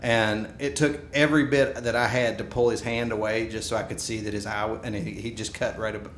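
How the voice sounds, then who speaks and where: A man in his thirties telling stories in a casual podcast chat, animated, acting out what people said. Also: fairly quick. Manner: animated storyteller, acts out quotes. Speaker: podcast co-host. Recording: echoey room with faint rumble.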